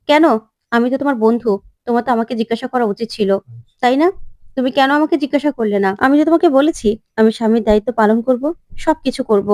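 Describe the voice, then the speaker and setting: An angry young husband turns away a former lover, as a woman storyteller puts on his voice. The voice sits fairly high and sounds close and dry. He speaks in hurt, pleading, then sharply rejecting bursts. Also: darkish tone, no echo, lightly acted.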